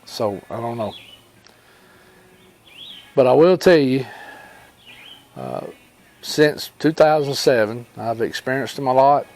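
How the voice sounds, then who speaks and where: With a sing-song, darkish voice at a normal male pitch, a rural Alabama homesteading host recounts his own experiences fireside-style in a Southern drawl. The storytelling is folksy, informal and unscripted, drifting with pauses and reported dialogue.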